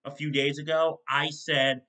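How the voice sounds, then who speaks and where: A young man hosts a one-person football postgame show in his kitchen, reading stats in rapid lists and correcting himself along the way. Speaking into a desk mic set before a webcam, he keeps a fairly high pitch with little movement, and his delivery sounds pushed and bright.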